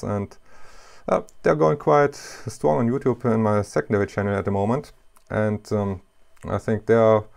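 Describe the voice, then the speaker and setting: A middle-aged man with a German accent, a non-native English speaker, talking casually and haltingly to camera about his hobby machining in his basement workshop. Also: fairly low pitch, creaky, a little mellow. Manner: halting, many fillers, self-deprecating. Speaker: YouTuber, hobby CNC machinist.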